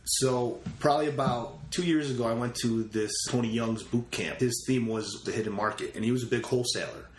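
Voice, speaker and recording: A man's voice: mid-range voice, brisk, few pauses. A man, a real estate investor guest, casually telling stories and retelling his conversations with quoted lines. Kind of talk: casual storytelling interview. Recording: roomy echo with faint ambient noise.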